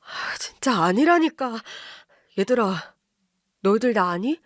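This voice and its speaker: A woman's voice: on the high side, expressive, unhurried, dry recording, clean studio sound. A woman doing a flustered young husband. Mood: protesting. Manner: pleading, protesting innocence. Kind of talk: storytelling radio narration.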